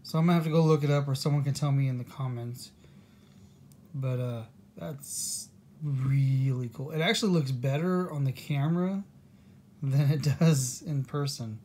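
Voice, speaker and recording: A man of middle pitch chats casually into a camera in a room at home. His talk is relaxed and rambling, and he trails off and restarts as he thinks aloud. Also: moderate pace, a little hiss or hum. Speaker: coin-collecting vlogger, co-host with his wife. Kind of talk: casual chat.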